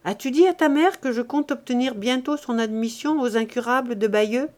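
Kind but firm young woman, a lady reading her, storybook audiobook, highish voice. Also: moderate pace, lightly acted. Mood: calm. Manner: firm, gently reproving.

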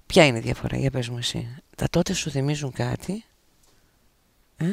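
A man's voice: medium pitch, vocal fry, breathy edge, no room sound. A man hosting a web radio show, chatting casually and teasingly on air with a lot of hesitation. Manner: easygoing and teasing, with many hesitations.

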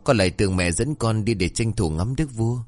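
A man's voice: fairly low pitch, expressive, a little fast, darkish tone, dry recording, natural voice. A man voicing a cheeky, spoiled teenage daughter who teases her mother in a folk tale. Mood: teasing. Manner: teasing, sassy.

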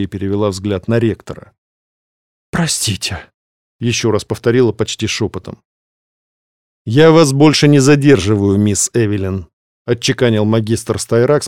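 A man reading a fantasy novel aloud as scripted narration, in a measured, steady way. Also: fairly low pitch, dry recording, clean studio sound. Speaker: audiobook reader.

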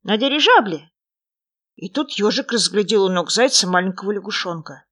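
A woman narrating a children's fairy tale with expressive, lively storytelling. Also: medium pitch, brisk.

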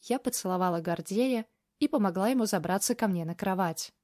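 A woman's voice: mid-range voice, fairly quick, a little mellow, no echo. A woman reading a first-person novel aloud in an emotional, intimate way. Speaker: audiobook narrator. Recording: dry close studio sound.

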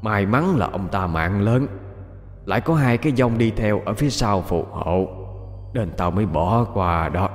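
A man voicing a sneering evil tree spirit that has possessed a girl, talking slowly with mocking laughs. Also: fairly low pitch, animated, in a large hall, soft background music. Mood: gloating. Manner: slow, mocking, with eerie laughter.

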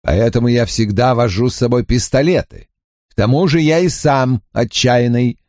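Man doing a cold, sinister gentleman. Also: mid-range voice, no room sound, clean studio sound, lightly acted. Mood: scornful. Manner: measured, cold, menacing.

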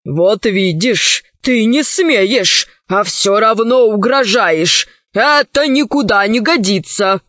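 A scarred, pompous space-villain admiral, as a woman reader puts him on, drawling his grandiose threats very slowly and with mock courtesy. The storybook recording is dry and dull, like a lo-fi tape. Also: medium pitch, expressive, a bit bright, no room sound.

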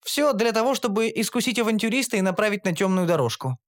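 A young female gnome with a very high, eager voice, as a male reader puts her on. She sounds earnest and anxious, and her pitch bounces around. This is an audiobook character voice. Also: lively intonation, quick pace. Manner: eager, pleading.

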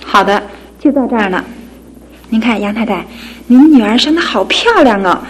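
An actress as a midwife in a radio play. Her voice sits a little high. She speaks courteously, with flattering, congratulatory politeness. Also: normal speed, slight background noise, close to an everyday voice, low-quality recording. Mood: cheerful. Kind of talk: radio drama acting.

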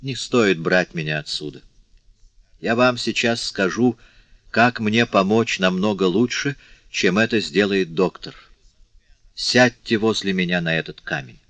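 A man's voice: on the low side, measured pace, a bit bright, no room sound. A man reading the part of a dying young woman, weak and tender, speaking faintly in a dry, slightly dull audiobook recording. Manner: faint, fading speech.

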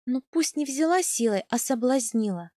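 Woman reading an audiobook, kinda high voice, dry close mic. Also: expressive, moderate pace, dark tone, no echo. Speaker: audiobook narrator. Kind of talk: scripted first-person narration.

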